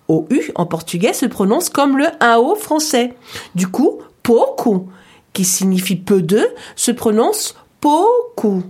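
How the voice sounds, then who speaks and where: A woman's voice: a little high, a little mellow, breathy edge. A woman co-hosting a language lesson, confirming points and giving example words one by one. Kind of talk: scripted lesson dialogue.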